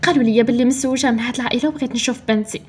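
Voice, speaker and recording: A tearful middle-aged Moroccan mother, voiced by a woman reading a story, pleads for her lost child. Her voice climbs high, her words tumble out fast and husky. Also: fairly even intonation. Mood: pleading.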